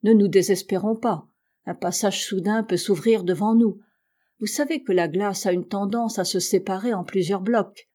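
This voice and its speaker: A woman's voice: mid-range voice, dark tone, close to an everyday voice. A woman reading the lines of a patient, learned male ship's doctor in an audiobook. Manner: patient and reasoning.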